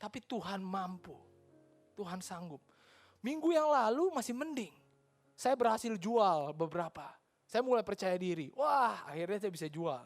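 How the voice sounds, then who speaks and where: A woman with an Indonesian accent giving an earnest personal testimony in church, switching between Indonesian and English and sinking into soft near-whispers. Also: mid-range voice, animated, moderate pace, faint music behind.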